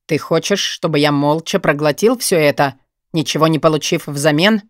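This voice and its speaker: A woman's voice: sits low, normal speed, no echo, clean studio sound, voice pushed down, lightly acted. A woman reading an audiobook, voicing a smug young male student who blackmails with a cold, lazy drawl. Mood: sneering. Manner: cold, sneering, lazily drawling.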